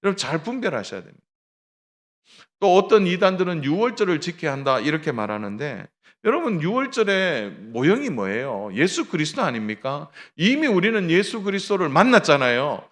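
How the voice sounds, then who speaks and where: A man's voice: a little high, sing-song, a little fast, fairly bright tone. A middle-aged male pastor giving a Sunday sermon, telling a story with acted dialogue and addressing the congregation directly.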